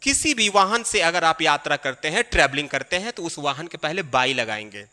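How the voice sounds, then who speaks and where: A man teaching an English grammar lesson, explaining each step and repeating key phrases slowly. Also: on the high side, expressive, sharp tone. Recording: long hall reverb.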